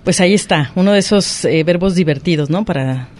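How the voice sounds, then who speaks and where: A man with a notably high voice hosts a casual radio chat. He keeps chiming in with short agreeing sounds and quick questions. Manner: chatty, frequent short agreeing interjections. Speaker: radio host.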